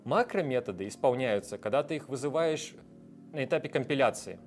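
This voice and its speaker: With faint music behind him, a medium-pitched, animated man talks briskly. As a guest software developer in a casual interview, he lays out technical concepts at length, filling gaps with frequent hesitation sounds.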